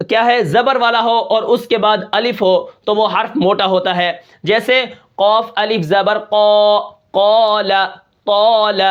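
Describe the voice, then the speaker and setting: A man with a Pakistani Urdu accent teaching Quran pronunciation, explaining step by step and slowly drilling example sounds. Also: high voice, a bit bright, lo-fi sound. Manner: patient, repeats "theek hai" and drills sounds slowly. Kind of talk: tajweed lesson with recited examples.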